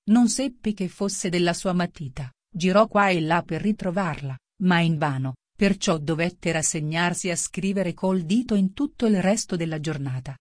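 A woman narrating a children's classic as an audiobook, reading in a measured, even way. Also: on the low side, no echo, clean studio sound. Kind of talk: scripted storybook narration.

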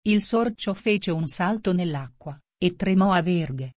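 A woman narrating a storybook in a steady reading voice. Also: fairly low pitch, a little slow, no echo, studio quality.

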